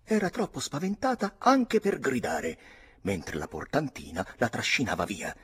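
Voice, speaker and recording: A man reading a novel aloud in the first person, hushed and often dropping to a whisper. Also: medium pitch, wildly swooping pitch, measured pace, husky. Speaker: audiobook reader.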